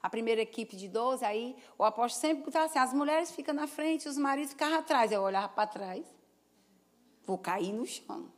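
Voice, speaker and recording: A woman's voice: a little high, lively intonation, brisk. A woman pastor preaching a sermon to her congregation, telling stories in a folksy, chatty way and calling out for amens. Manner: call-and-response, asking the congregation "Amém?"; folksy, chatty storytelling with asides. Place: church service before a congregation.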